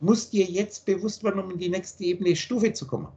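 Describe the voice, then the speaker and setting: A man's voice: sits high, a little fast, warm tone, highs cut off. A man with a German accent lecturing over a video call in a blunt, insistent way, driving his points home with everyday examples. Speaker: spiritual teacher.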